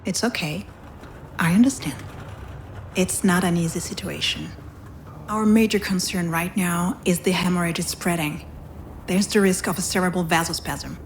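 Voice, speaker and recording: Lightly acted, this visual novel role has an actress with a lowish voice playing a hospital doctor who is frank, composed and sympathetic. She sounds grave and caring in a measured, professional way, with a little hiss or hum in the recording.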